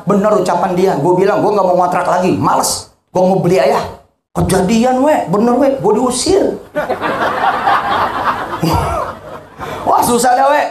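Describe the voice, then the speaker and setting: A man preaching a lively, joking sermon to a congregation. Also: roomy sound. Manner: animated, joking, swings between high and low.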